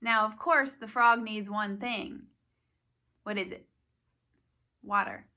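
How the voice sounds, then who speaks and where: A woman's voice: medium pitch, fairly even intonation, slow, pushed and bright. A woman teaching small children with toys, talking as if to a toddler in simple phrases, with sing-song questions that she answers herself. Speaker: preschool teacher. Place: classroom.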